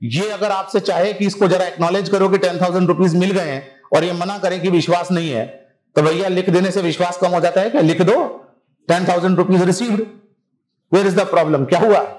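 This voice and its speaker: A man's voice: high-pitched, steady tone, a little fast, a little mellow, echoey room, poor audio. A man teaching a civil services exam class in a conversational lecture style, often checking that his students follow him.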